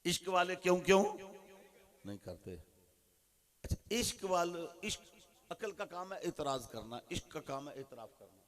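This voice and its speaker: A man with a Pakistani Urdu accent preaching a sermon, moving from hushed asides to loud, rhythmic refrains. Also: high voice, sing-song, measured pace, long pauses.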